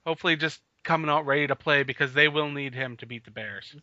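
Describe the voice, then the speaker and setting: A man's voice: a little high, fast talker, sharp tone, no room sound. A man co-hosting a casual sports podcast, leading the talk and laughing often. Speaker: podcast co-host. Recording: dull lo-fi podcast audio.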